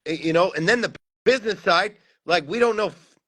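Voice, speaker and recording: A man holds forth in loose podcast talk, intense and emphatic, with swearing through nearly every sentence. His voice sits fairly high and sounds bright and forceful. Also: brisk. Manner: intense, heavily profane, emphatic. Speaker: podcast co-host. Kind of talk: casual chat.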